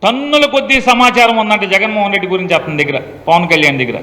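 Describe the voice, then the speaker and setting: A man politician giving a forceful public speech, taunting and mocking as he talks. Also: high-pitched, rapid-fire, in a large hall, background noise.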